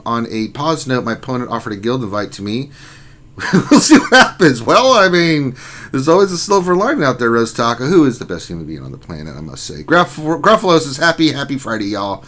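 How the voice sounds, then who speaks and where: Man, stream host, bright forward voice, casual jokey chat reading. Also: medium pitch, big pitch swings, fairly quick. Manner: reads chat names aloud, joking and teasing. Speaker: livestream host.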